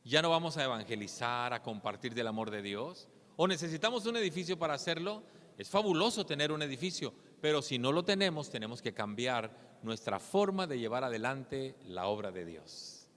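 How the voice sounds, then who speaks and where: A man's voice: medium pitch, lively intonation, normal speed, fairly bright tone, in a large hall. A man preaching a sermon as a pastor. He speaks earnestly and keeps asking rhetorical questions. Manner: earnest, asks rhetorical questions with a tag "¿verdad?".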